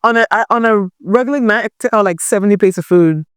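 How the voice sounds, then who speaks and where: A woman's voice: medium pitch, fast, smooth, no echo, clean studio sound. A young woman with a Nigerian accent, a caterer talking casually as a guest in a chatty, self-deprecating way. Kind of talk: casual chat.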